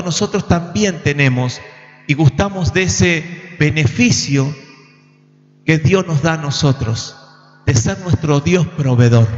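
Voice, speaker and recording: An earnest male preacher delivers a sermon, often turning to his listeners with questions. His voice sits high and carries a long reverb from a large room. The recording is dull and lo-fi. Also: slight background noise. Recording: echoey hall, muffled lo-fi sound.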